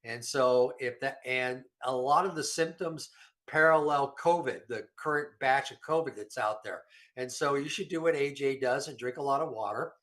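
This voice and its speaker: Medium in pitch, fairly bright and at normal speed, this middle-aged man's voice is a bit nasal because of a cold. As a regular on the show, he rambles folksily about health supplements, poking fun at himself.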